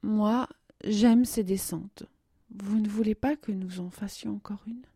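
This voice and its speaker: A woman's voice: medium pitch, fairly even intonation, a little slow, mellow, slightly rough, dry recording, studio quality, voice pushed up. A woman voicing a frightened, shy young woman in a storybook reading, breathless and pleading.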